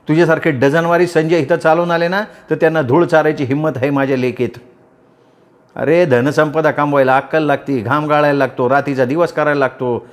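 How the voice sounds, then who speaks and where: A man's voice: a little high, lightly acted. A man voicing a fierce, protective older village mother who scolds defiantly.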